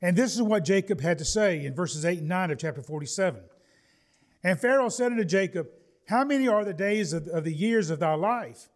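A man delivers a sermon. He reads scripture slowly, leaning on key words. He tells homely stories in a folksy way. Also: high-pitched, animated. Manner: folksy storytelling, slow deliberate emphasis on scripture. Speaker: preacher.

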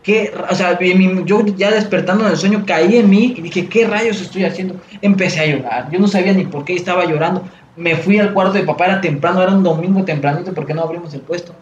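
A man tells a long personal story about faith in a relaxed chat. His voice sits fairly high for a man, and he circles through his story with fillers and restarts. The room is echoey and the sound is a little dull. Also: fast talker, hardly any pauses, a little hiss or hum. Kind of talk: casual chat, personal testimony.

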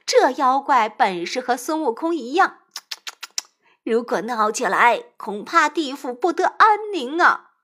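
A woman voicing a wise male mythical beast in a storybook tale, speaking slowly in a hushed, secretive way. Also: high-pitched, big pitch swings, exaggerated voice.

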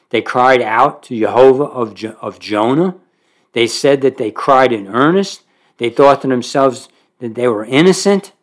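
A man's voice: mid-range voice, fairly bright tone. A man preaching a sermon, reading verses aloud and then explaining them in plain conversational asides, rising in force on key points. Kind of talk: expository sermon on scripture.

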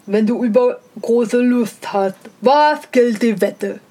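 Woman narrator doing a loud, sneering storybook hare, arrogant and boastful. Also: fairly high pitch, slow pace. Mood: mocking. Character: haughty mocking male hare, proud of his long legs.

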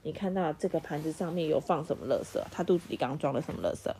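A woman's voice: deep voice, fast talker, breathy edge. A mother reading a picture book to her child at home, acting out sound effects and stopping to quiz the child. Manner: animated, acts out sound effects and quizzes the child. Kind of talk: picture-book read-aloud.

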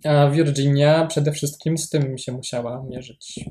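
A man's voice: a little high, steady tone, measured pace, warm tone. A man in casual book discussion, speaking hesitantly and restarting words. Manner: hesitant, restarts words, reads passages aloud. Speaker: podcast co-host.

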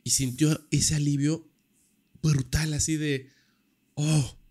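A man casually telling a true-crime story on a podcast, lively and full of fillers. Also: medium pitch, normal speed. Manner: animated, acts out quoted dialogue, many fillers.

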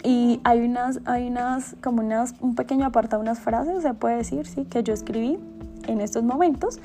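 A woman host speaking in a soothing, unhurried way as she shares self-help guidance. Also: fairly high pitch, warm tone, soft background music. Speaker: host sharing personal self-help exercises. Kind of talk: soft, slow guided meditation.

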